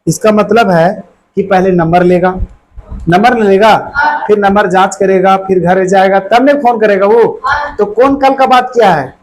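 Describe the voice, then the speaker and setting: A man's voice: sits high, moderate pace, slight background noise, poor audio. A man teaching a grammar lesson to a classroom of students, drilling them with constant questions in a colloquial, repetitive way.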